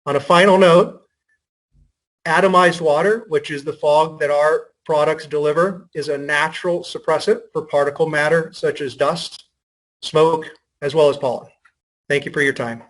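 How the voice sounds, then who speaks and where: Man with a slightly high voice reading out prepared testimony, measured, sure of himself. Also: steady tone, fairly bright tone, rough recording. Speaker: company representative giving testimony. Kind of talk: formal prepared statement.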